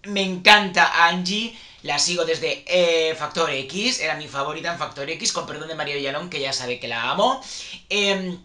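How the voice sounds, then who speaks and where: Male vlogger, bright and sharp tone, talky and opinionated. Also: fairly high pitch, normal speed. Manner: chatty, opinionated, reassuring the viewers. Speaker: music channel host. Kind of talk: casual opinion commentary. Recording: echoey room.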